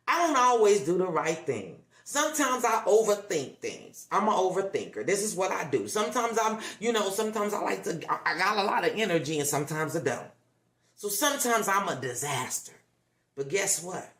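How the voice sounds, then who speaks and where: Female livestream host, motivational and emphatic, repetitive coaxing delivery, mid-pitched, roomy echo on the voice. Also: a bit bright.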